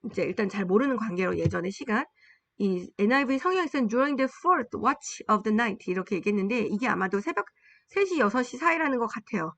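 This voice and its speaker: A woman teaching a Bible-based English lesson. She explains in Korean and reads English sentences slowly and deliberately, repeating phrases for learners to follow. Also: on the high side, lively intonation, fairly bright tone.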